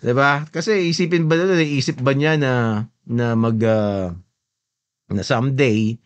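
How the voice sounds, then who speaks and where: Speaking a little slowly in a mid-range voice, a man runs a podcast and comments loosely on a video while it plays. His talk mixes Tagalog and English, and he frequently ends lines with a tag seeking his listeners' agreement.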